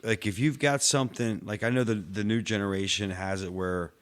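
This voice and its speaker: Low-voiced man, heartfelt and filler-heavy. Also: steady tone, fairly quick. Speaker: podcast co-host. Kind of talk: casual chat.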